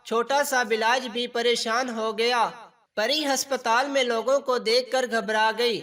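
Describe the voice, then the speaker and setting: A man tells a family story, reading in a plain, steady way. His voice is pitched very high for a man and sounds bright and sharp. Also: measured pace. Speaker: narrator. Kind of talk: storytelling narration.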